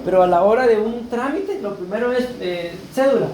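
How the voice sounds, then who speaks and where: Pitched high and a little mellow, this male pastor talks fairly quickly as he delivers his sermon in a church hall. He preaches conversationally, often turning to listeners with "¿verdad?". The room echoes, and a faint noise hums behind him.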